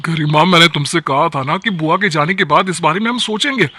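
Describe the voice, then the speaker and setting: A man's voice: fairly high pitch, fairly quick, sharp tone, breathy edge. A man voicing a mild young husband in a storybook tale, reasoning and soothing. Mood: firm.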